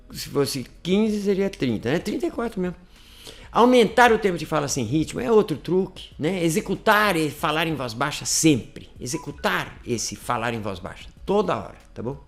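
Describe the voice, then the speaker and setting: A man's voice: mid-range voice, creaky. A man giving a casual, chatty language lesson, repeating phrases to demonstrate. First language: Portuguese. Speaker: language teacher.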